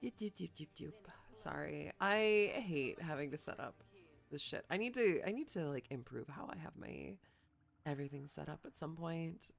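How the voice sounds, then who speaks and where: A woman's voice: deep voice, lively intonation, normal speed, vocal fry. A woman hosting a casual game livestream, chatting effusively and often repeating her words and phrases.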